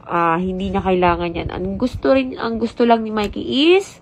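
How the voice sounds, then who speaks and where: Gravelly-voiced Filipino mom vlogger. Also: female voice, mid-range voice, normal speed, poor audio. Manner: chatty, talks straight to viewers. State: sick with the flu, stuffy. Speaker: vlogger and mother. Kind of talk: casual vlog chat.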